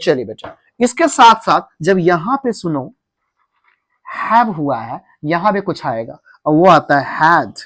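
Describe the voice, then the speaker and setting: High-voiced man teaching a class. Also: sing-song, slow, fairly bright tone. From India. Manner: drills students with repeated questions. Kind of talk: classroom grammar lesson. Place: classroom with students.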